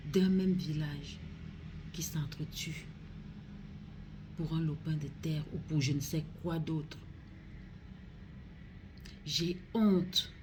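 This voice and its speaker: This is a public appeal from a regional councillor: a woman with a Cameroonian accent, low and mellow-voiced, pleading in slow, grave, deliberate phrases. A bit of noise is audible in the recording.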